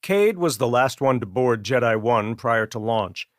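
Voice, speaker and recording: A man reads an audiobook in a measured, steady way. His voice sits mid-range and sounds close and dry, as in a studio booth. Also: mid-range voice, no echo. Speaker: audiobook narrator. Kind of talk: scripted narration.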